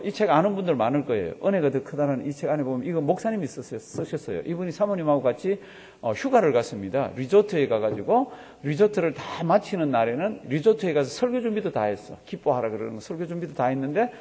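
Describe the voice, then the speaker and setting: A man's voice: on the high side, very animated, fast, hardly any pauses, warm tone, slightly rough. A man preaching a sermon as a pastor, telling a story and acting out the voices of the people in it. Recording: long hall reverb.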